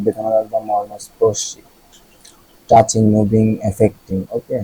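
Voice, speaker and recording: Husky-voiced Bangladeshi man teaching words. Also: on the low side, mellow, rough recording. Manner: casual, repeats words, asks the listener questions. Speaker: vocabulary teacher. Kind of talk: explaining vocabulary.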